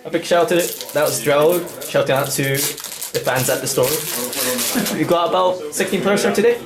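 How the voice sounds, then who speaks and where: A man hosting a casual walkthrough in a busy game store at a midnight event, talking in a halting, stop-start way. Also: on the high side. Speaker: host opening card packs. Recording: echoey room with crowd chatter.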